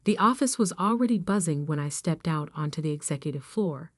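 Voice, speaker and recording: A woman with a fairly low voice reads a dramatic first-person story aloud. Her delivery is steady and even, and the recording is dry, with no room echo. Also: brisk. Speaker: narrator.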